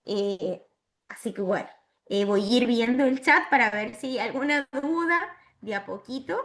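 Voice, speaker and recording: A woman giving a virtual training lesson to teachers, explaining step by step and often checking in with a quick "¿sí?". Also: fairly high pitch, animated, a bit bright.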